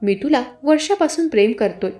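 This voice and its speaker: A man's voice: extremely high pitch, lively intonation, fairly quick, soft background music. A woman voicing an unhinged obsessed old man. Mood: obsessive. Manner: possessive, yelling. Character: obsessed older man, stalker, unhinged and shouting.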